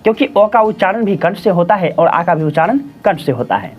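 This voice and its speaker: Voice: medium pitch, animated, brisk, slightly rough. A teacher giving a patient grammar lesson, repeating each definition and answering their own questions while addressing listeners as friends and children. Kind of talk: classroom-style grammar lesson. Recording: dull lo-fi audio with faint music.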